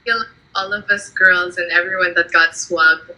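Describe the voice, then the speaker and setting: A woman's voice: on the low side, steady tone, normal speed, pushed and bright, rough recording. A woman, a pageant candidate who answers an interview in a chatty, enthusiastic way.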